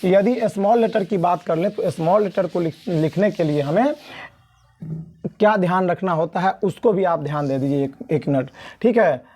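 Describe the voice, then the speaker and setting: A male teacher from Mithila gives a beginners' lesson at a board. His voice is mellow and dark, and he speaks slowly and deliberately, drawing out each letter and repeating key points. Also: sits high. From Mithila region of India. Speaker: English teacher.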